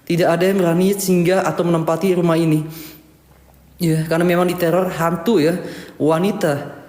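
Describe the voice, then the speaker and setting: A man's voice: a little high, level tone, moderate pace, darkish tone. A man hosting a ghost-hunting vlog, nervously calling out and muttering prayers. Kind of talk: paranormal exploration vlog to camera. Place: indoors in an abandoned house. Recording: echoey, reverberant empty house.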